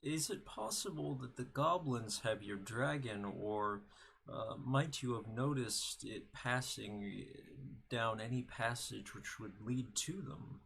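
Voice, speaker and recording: An earnest young adventurer, as a man plays him in a tabletop game, asking careful, courteous questions. The voice is gravelly and unhurried. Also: medium pitch, a bit bright. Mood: curious. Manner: polite, searching questions.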